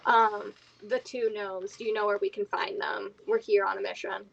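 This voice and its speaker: A woman's voice: mid-range voice, little pitch movement, normal speed, vocal fry, highs cut off. A woman chatting casually as a player in a tabletop role-playing game.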